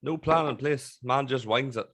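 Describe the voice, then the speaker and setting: A man's voice: medium pitch, moderate pace, a bit bright. Young Northern Irish man hosting a chat. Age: young adult. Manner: informal, sweary. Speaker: podcast host. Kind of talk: casual interview chat. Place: small room at home, on a video call. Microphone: close desk microphone with headset.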